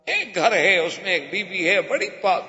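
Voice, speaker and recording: A woman's voice: lowish voice, sing-song, pushed and bright. A male preacher voicing a worried young girl who earnestly urges a household on her listeners, in an echoey hall. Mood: persuasive. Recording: echoey hall, dull lo-fi sound.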